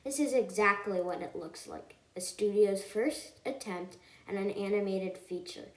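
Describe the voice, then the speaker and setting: A woman's voice: mid-range voice, unhurried. A woman reviewing a film in a scripted voice-over. She talks earnestly and emphatically and often stops to correct herself. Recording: echoey room.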